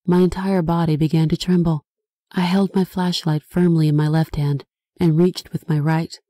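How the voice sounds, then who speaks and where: A woman author reading her own horror novel aloud as audiobook narration, in a dramatic, expressive style. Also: low-pitched, moderate pace, no echo, studio quality.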